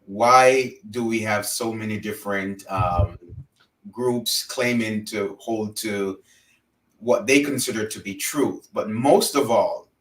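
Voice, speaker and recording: A man from Jamaica, a religious teacher speaking as a guest in an interview, earnest and measured. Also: fairly low pitch, a little hiss or hum. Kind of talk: interview conversation. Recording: roomy, distant from mic.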